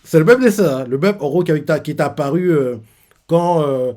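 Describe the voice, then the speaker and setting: A man hosting a live reaction to a manga chapter, retelling it in an animated way with lots of fillers. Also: on the high side, moderate pace.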